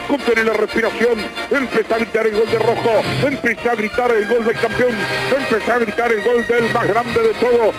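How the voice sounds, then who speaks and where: Man, football play-by-play, very high voice, repeated fervent calls, music behind. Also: poor audio. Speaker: play-by-play radio commentator.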